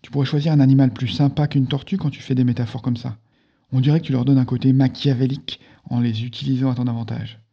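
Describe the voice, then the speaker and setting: A cheerful, playful young man, as a reader puts him on, chatty and teasing, with a gravelly, husky tone over a dull lo-fi recording. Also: mid-range voice, steady tone, fast talker.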